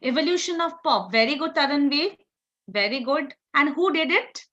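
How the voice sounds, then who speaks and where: A woman's voice: high-pitched, lively intonation, moderate pace, fairly bright tone. A woman with a North Indian accent teaching a live online class, encouraging students with short, repeated praise. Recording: slightly dull, lo-fi audio.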